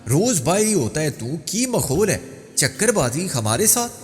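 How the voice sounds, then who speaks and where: A man voicing a loud, menacing gang boss who blusters and hurls insults, with a Punjabi-tinged voice. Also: sits high, sing-song, voice pushed up. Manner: blustering, threatening, shouting insults. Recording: long hall reverb with faint music.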